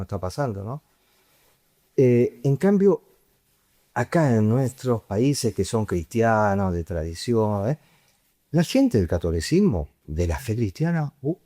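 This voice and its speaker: A man's voice: mid-range voice, warm tone, no echo, studio quality. A man, a priest giving an informal retreat talk in a conversational way that often ends on a questioning tag. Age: 50s.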